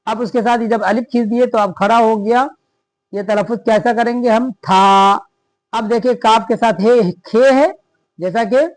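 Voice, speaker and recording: Brief: male teacher, high-pitched, patient quiz-style alphabet lesson, close dry mic. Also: no room sound. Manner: repeats each sound and quizzes the listener. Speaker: Urdu teacher at a madrasa.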